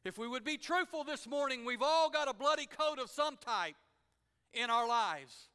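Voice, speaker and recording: High, bright preacher. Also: male voice, animated, normal speed, clean tone. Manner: folksy and conversational, swelling to shouts. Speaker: pastor. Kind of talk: sermon. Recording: long hall reverb.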